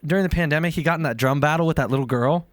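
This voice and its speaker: A young man from Montana hosting a podcast in casual chat, animated, laughing often and swearing freely. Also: a little high, very fast, no echo. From Montana, USA. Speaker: podcast host.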